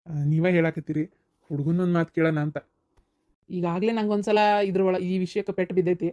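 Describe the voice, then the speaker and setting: A woman's voice: lowish voice, fast, mellow, no echo, dull audio, lightly acted. A woman voicing a frank, straightforward young groom in a cartoon, with a North Karnataka Kannada accent. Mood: earnest. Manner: frank, matter-of-fact.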